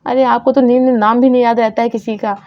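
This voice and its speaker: A woman's voice: fairly high pitch, level tone, quick pace, close to an everyday voice. A woman voicing a worried young mother who pleads and sobs while searching for her missing daughter, in a doll story. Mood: anxious. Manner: pleading, tearful. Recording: dull lo-fi sound.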